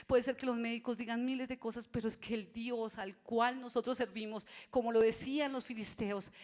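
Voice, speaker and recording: A woman delivers a sermon from the church pulpit. She preaches with passion, rising to loud cries and then sinking into hushed whispers. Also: on the high side. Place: church sanctuary.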